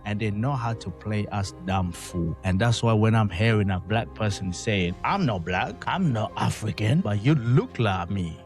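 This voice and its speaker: A man's voice: fairly low pitch, normal speed, few pauses, soft background music. A man giving impassioned commentary, emphatic and repetitive, with non-native phrasing. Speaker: commentator reacting to a clip.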